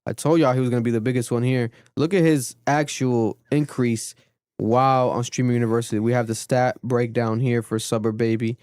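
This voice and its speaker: A young man hosting a casual podcast, telling stories in an animated way and acting out what other people said. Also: mid-range voice, fairly quick, clean tone, no echo, clean studio sound. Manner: animated storytelling, acts out quotes. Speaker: podcast host.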